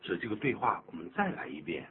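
A man's voice: on the low side, fast talker, slightly rough. Older man teaching English on tinny radio. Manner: animated, explanatory, mixes English phrases into Mandarin. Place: radio studio. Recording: tinny lo-fi radio broadcast with faint hum.

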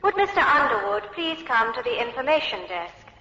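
Formal adult airport announcer, measured delivery, long echo, muffled course recording. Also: female voice, a little high, very animated, bright, forceful tone. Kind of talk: scripted public address announcements. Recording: muffled echoey hall.

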